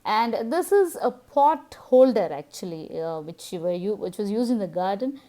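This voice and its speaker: Female home vlogger, thirties, Tamil Indian accent, mid-pitched voice, casual narration. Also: very animated, normal speed, dark tone. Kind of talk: casual household vlog narration.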